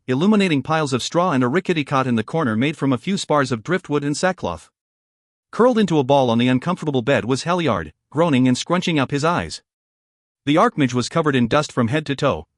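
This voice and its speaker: A man reading a fantasy audiobook aloud as narrator, telling the story in a steady, measured way. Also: on the high side, dry recording, clean studio sound.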